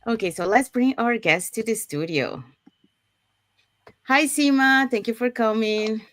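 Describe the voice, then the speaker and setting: A woman's voice: on the high side, unhurried, fairly bright tone, dry recording. A woman from Panama hosting an online panel over a video call, announcing schedules and introducing guests. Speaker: host.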